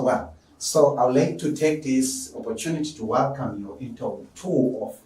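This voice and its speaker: A man's voice: on the low side, a little mellow. A man with a Tanzanian accent giving a formal lecture introduction as an online teacher, speaking emphatically and repeating his phrases. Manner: formal, emphatic, repeats phrases, poses questions and answers them. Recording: echoey room, distant microphone.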